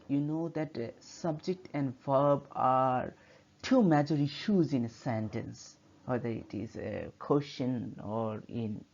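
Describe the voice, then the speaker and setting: Here is a male teacher whose first language is Bengali, explaining grammar over slides in a middle-pitched voice. He hesitates often and restarts his phrases. The audio is somewhat dull and lo-fi. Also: gravelly, darkish tone. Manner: hesitant, many fillers and restarts. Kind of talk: narrated slideshow lecture.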